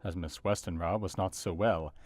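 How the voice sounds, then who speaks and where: A man as an earnest, low-voiced Victorian doctor. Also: steady tone, lightly acted. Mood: sober, reflective. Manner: measured, formal, serious. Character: earnest, educated Victorian doctor narrating his diary. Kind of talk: audio drama diary narration. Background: soft guitar music.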